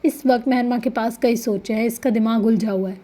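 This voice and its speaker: A woman's voice: a little high, fairly even intonation, warm tone, lightly acted. A woman voicing a sly, scheming older woman giving confident advice, in a storybook reading.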